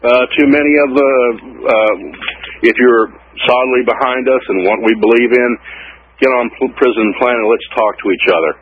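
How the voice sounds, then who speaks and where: A man's voice: medium pitch, fairly even intonation, moderate pace, slight background noise. Hesitant male caller on a tinny phone line. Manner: hesitant, many fillers, earnest. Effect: calling in over a phone line. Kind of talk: radio call-in.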